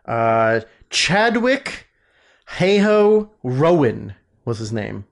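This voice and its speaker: A man's voice: medium pitch, moderate pace. A man co-hosting a loose, casual podcast with a mid-range voice. He wanders through his thoughts, trails off with plenty of fillers and restarts sentences as he goes. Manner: rambling, many fillers and restarts, looks things up mid-talk. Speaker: podcast co-host.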